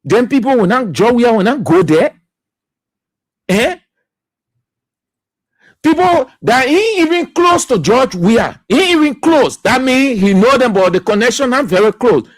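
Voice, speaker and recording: Emphatic Liberian radio host, lively pitch. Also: male voice, measured pace, no room sound. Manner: emphatic, repeats key words for stress. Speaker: radio talk show host. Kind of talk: political commentary.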